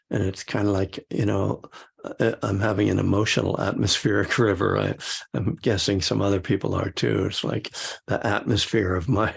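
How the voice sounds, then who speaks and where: Older male meditation teacher, very husky and gravelly, loose rambling talk with chuckles. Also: fairly low pitch. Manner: rambling, chuckling often, many fillers. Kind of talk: casual dharma talk.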